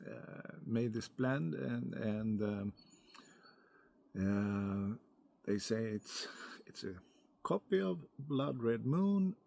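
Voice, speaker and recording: A man giving a casual, unscripted product review in a hesitant, halting way, as if thinking aloud. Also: mid-range voice, lively intonation, vocal fry, warm tone. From Europe. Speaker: pipe tobacco reviewer.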